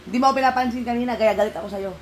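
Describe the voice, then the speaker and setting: A man's voice: extremely high pitch, rapid-fire, a little hiss or hum. A man speaking for his toddler, voicing a sulky, whiny child complaining to his father. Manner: whiny, pouting.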